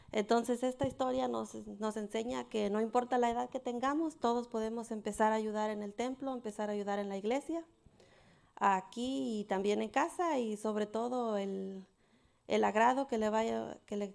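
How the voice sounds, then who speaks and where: Gravelly-voiced woman telling children a story. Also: mid-range voice. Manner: gentle, simple storytelling with halting restarts. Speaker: children's story teller at church. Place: church sanctuary.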